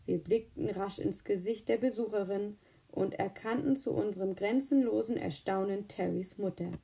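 A woman narrating a storybook in the first person, with a calm and even delivery. Her voice is mellow and dark-toned, at a middling pitch. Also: moderate pace, vocal fry. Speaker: audiobook reader.

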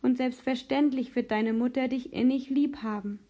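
A woman voicing a kind, patient aunt in a storybook reading, speaking gently and reassuringly. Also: high voice, normal speed, dull audio.

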